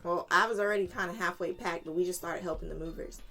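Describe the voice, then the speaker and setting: A woman's voice: lowish voice, quick pace, faint music behind. A woman, a podcast guest telling a family story in candid conversation, acting out quoted voices. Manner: animated, acts out quoted voices with swearing and laughter.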